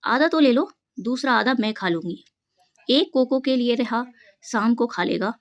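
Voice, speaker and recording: A woman's voice: on the high side, animated, measured pace, no room sound, dull audio. A woman reading aloud the part of a cheerful young girl who eagerly presses food on her guest. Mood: coaxing.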